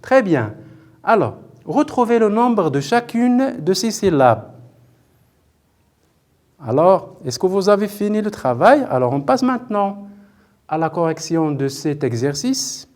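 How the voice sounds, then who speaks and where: A man's voice: high voice, very animated, unhurried, a little mellow. A man teaching a televised primary school lesson, patient and repetitive, questioning and praising pupils as he spells out words syllable by syllable.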